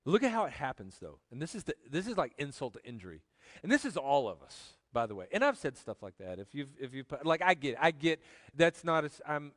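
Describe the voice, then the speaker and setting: A man preaching a sermon as pastor, animated, swinging from loud emphasis to quiet joking asides. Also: mid-range voice, no room sound.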